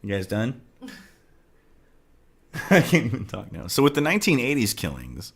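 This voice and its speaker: A man's voice: medium pitch, wildly swooping pitch, normal speed, vocal fry, husky. A man co-hosting a true-crime podcast, talking casually and loosely, often checking in with "right?". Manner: conversational, often adds "right?", trails off into laughter at times. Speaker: podcast co-host. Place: home with farm animals nearby.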